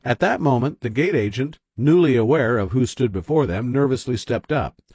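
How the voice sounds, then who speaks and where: Husky-voiced male story narrator. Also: medium pitch, lively intonation, normal speed, darkish tone, dry recording. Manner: dramatic storytelling.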